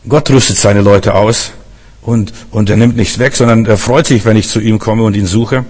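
Male preacher, husky voice, fervent and repetitive sermon, long hall reverb. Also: fairly low pitch, steady tone, normal speed, a little mellow. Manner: fervent, repetitive preaching with frequent rhetorical questions.

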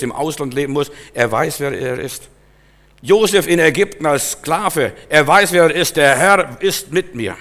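Preacher, male, emphatic sermon delivery, slightly high voice, long reverb. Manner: emphatic, rises to loud exhortation then drops to quiet questions.

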